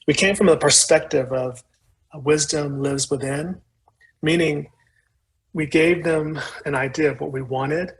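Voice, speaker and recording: A man giving an earnest, measured talk as a conference presenter, pausing as he speaks. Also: a little high, poor audio. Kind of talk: reflective presentation.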